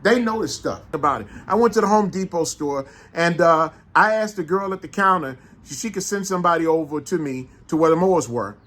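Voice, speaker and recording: Brief: St. man, fairly high voice, animated and emphatic, casual rant to camera. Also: brisk, few pauses. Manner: animated, emphatic, repeats points with rhetorical questions. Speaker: vlogger. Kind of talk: casual opinionated monologue.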